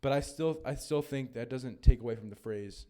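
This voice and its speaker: A man's voice: medium pitch, normal speed, background noise. A young man from the northeastern United States co-hosting a podcast in casual chat, rambling and self-deprecating with lots of fillers. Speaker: podcast co-host.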